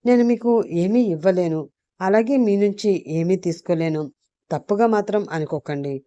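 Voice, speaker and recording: A woman doing a lively polite young woman. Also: mid-range voice, moderate pace, no echo, lo-fi sound, close to an everyday voice. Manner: bright, polite, lightly raised voice.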